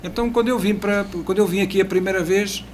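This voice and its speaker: A high-pitched man in his sixties, from Portugal and speaking with a European Portuguese accent, talks quickly in a steady tone while telling his life story as a guest on a casual podcast. He restarts and uses hesitant fillers, and there's a little hiss or hum.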